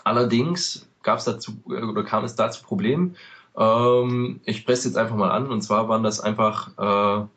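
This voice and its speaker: This eastern German podcast co-host has a fairly low, slightly bright voice and speaks at a moderate pace, recorded on a home mic over a call. Casual and talkative, he wanders through lengthy explanations full of "ähm" fillers.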